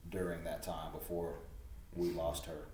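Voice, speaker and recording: Man talking real earnest and reflective, lowish voice, sounds far off in a roomy space. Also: level tone, unhurried, background noise. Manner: earnest, reflective, laughs softly. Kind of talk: casual heartfelt conversation. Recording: roomy sound from a distant mic.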